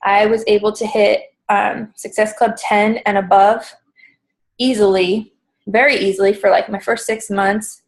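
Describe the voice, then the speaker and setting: A woman's voice: mid-range voice, level tone, measured pace, vocal fry, hardly any pauses, poor audio. A pregnant woman in her thirties, a little out of breath, talking casually with many ums as she leads a pre-recorded team coaching call from home. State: slightly out of breath.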